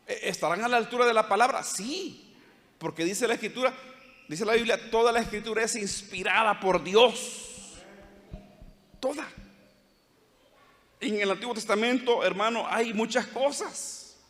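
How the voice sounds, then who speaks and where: A man's voice: high voice, unhurried, long pauses, fairly bright tone, big-room sound. A man preaching a sermon as pastor with a Salvadoran Spanish accent, earnest, acting out short quoted dialogues. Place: church hall.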